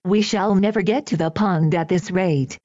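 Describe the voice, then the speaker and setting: A woman's voice: on the low side, normal speed, dark tone, no room sound, highs cut off, lightly acted. Impatient selfish boys, as a woman reads them. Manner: impatient and urging. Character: impatient, selfish boy cousins.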